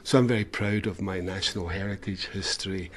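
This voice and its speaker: A man's voice: sits low, steady tone, a little fast. A man from Scotland, speaking earnestly in a casual chat and repeating words as he starts.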